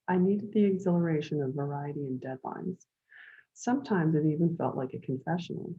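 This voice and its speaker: A woman's voice: sits low, mellow, husky, muffled recording. A woman with a light Philadelphia accent, reading her own memoir aloud with conversational asides.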